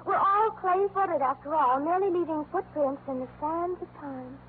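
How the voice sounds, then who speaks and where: An actress playing a fussy, devoted young secretary in a 1940s radio drama, fretful and sentimental. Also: female voice, very high-pitched, moderate pace. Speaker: detective's secretary. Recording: tinny old radio broadcast, faint hiss.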